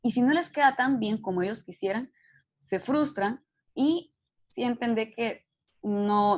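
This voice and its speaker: Woman, psychology lecturer, explanatory, checks in with listeners, muffled lo-fi sound. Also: medium pitch. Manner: explanatory, frequent tag questions. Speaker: psychology instructor. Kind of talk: online lecture.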